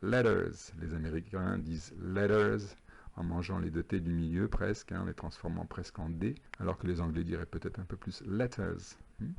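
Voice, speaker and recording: Deep, husky teacher. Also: male voice, steady tone, darkish tone. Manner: patient, repeats phrases slowly. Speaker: English teacher. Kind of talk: recorded homework lesson.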